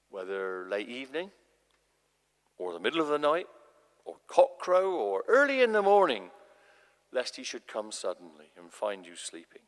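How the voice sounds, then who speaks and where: A man reading the part of Jesus in a dramatic scripture performance, as a solemn, urgent teacher who prophesies with weighty, deliberate phrasing. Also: medium pitch. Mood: urgent warning. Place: large church, live performance. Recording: long church reverb.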